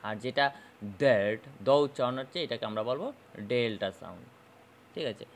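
Man, phonetics teacher, repeats sounds slowly, faint background noise. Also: medium pitch. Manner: repeats and demonstrates sounds slowly, asks "okay?" often. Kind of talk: phonetics lesson explaining English sounds.

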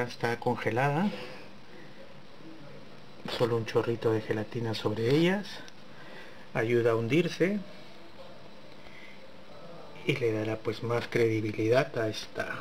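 This medium-pitched male voice comes through a low-quality recording with a bit of background noise. In a relaxed cooking tutorial from his own kitchen, the host of a home cooking channel explains a dessert one step at a time, chatting to his audience as he goes.

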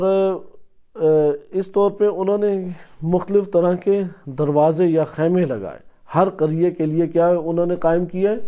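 A man's voice: a little high, mellow. A man teaching a Quran commentary lesson, reading Arabic passages and explaining them in Urdu, asking and answering his own questions. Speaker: religious teacher.

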